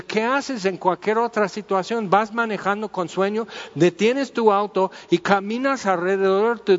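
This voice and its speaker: A man's voice: high voice, lo-fi sound. A man with a Mexican Spanish accent preaching a humorous sermon as pastor, joking and acting out little scenes.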